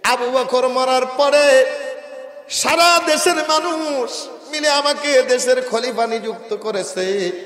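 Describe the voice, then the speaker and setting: A male preacher voicing a fervent, devout caliph who cries out high and loud. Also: slow pace, exaggerated voice. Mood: earnest. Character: devout caliph, man of middle age, fervent. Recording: echoey loudspeaker reverb.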